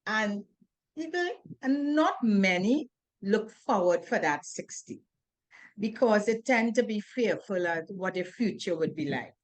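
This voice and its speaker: A woman's voice: medium pitch, lively intonation, a little slow. A middle-aged woman co-hosting a talk show, speaking earnestly, repeating words and acting out quoted worries. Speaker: co-host. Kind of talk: casual talk-show chat.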